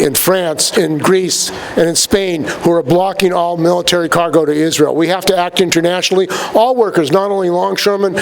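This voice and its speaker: A man's voice: sits high, poor audio. A man hosting an outdoor rally, introducing speakers and urging action in a public speaking style. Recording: faint outdoor background noise.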